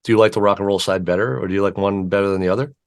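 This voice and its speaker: A man's voice: on the low side, fairly even intonation, very fast, clean tone. A man hosting a casual interview show over a video call from his home studio. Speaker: podcast host.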